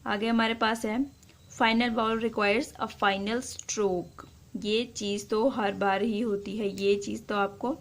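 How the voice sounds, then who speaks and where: Woman patiently teaching shorthand. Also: mid-range voice. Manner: patient, repeats example words slowly. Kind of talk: explaining lesson step by step.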